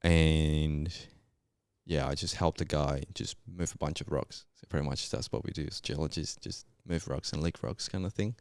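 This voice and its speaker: Deep-voiced young Colombian man, smooth and laid-back. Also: fairly even intonation, normal speed, darkish tone, no room sound. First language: Spanish. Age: young adult. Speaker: podcast guest, geologist. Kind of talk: casual interview storytelling.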